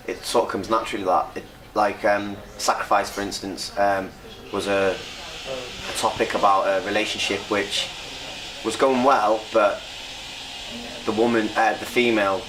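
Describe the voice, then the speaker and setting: A young man with a North Wales accent, chatting casually and rambling in an interview, laughing often. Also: on the low side. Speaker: upcoming rapper. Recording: echoey room from a distance with crowd noise.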